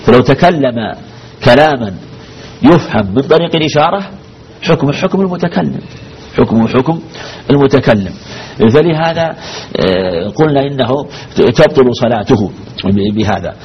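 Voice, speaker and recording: A man's voice: medium pitch, expressive, normal speed. A man teaching a religious law lesson as a sheikh, asking his class questions and repeating the key phrases. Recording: dull lo-fi recording with faint noise.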